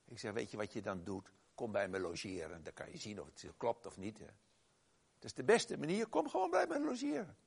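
A male preacher with a gravelly, slightly husky voice, delivering a sermon that weaves in a personal story. His pitch leaps around in lively swings as he exclaims, then drops to a hush. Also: brisk. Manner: emphatic, exclaiming, swings loud and soft.

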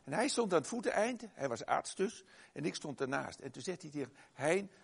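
A male preacher with a gravelly, slightly husky voice, delivering a sermon that weaves in a personal story. His pitch leaps around in lively swings as he exclaims, then drops to a hush. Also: a little fast. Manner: emphatic, exclaiming, swings loud and soft.

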